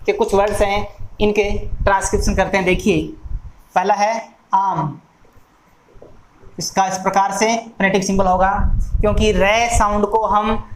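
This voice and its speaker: A woman teaching an exam-prep phonetics lesson, going through each sound slowly and deliberately. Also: medium pitch. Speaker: English teacher. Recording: echoey room with faint noise.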